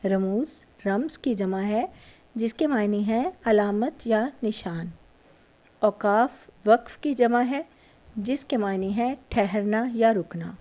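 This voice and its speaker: A woman's voice: mid-range voice, mellow. A woman teacher giving a recorded lecture to students, patient and repeating key points with frequent check-ins. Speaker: school teacher.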